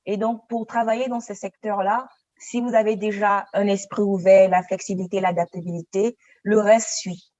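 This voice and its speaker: A woman's voice: mid-range voice, fairly even intonation, normal speed, warm tone, no room sound. Muffled woman answering on a panel, searching for words. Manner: French mixed with an odd English word, searching for words.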